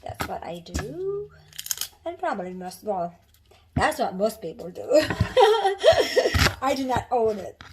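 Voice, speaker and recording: A woman's voice: medium pitch, big pitch swings, unhurried. Pinay lady chatting while she cooks in her kitchen, rambly, lots of restarts, noisy mic. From Philippines. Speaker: home cooking vlogger. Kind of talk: casual cooking demonstration. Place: home kitchen.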